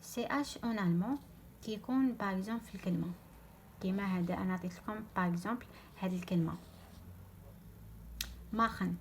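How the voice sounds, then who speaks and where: A young woman with an Algerian Arabic accent teaching a German lesson, repeating example words slowly and dropping French words into her explanations. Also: medium pitch, darkish tone, a little hiss or hum. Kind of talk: online language lesson.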